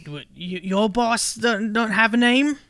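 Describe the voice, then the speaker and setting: A man voicing a bored, slimy toad-folk worker in a tabletop game, with a loud, halting, put-on accent. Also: sits high, no room sound, clean studio sound, voice pushed up, exaggerated voice. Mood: chatty, nosy.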